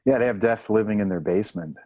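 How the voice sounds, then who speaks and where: A man's voice: lowish voice, quick pace, dark tone, no room sound. A man co-hosting a TV recap with casual commentary. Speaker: co-host of a TV recap show.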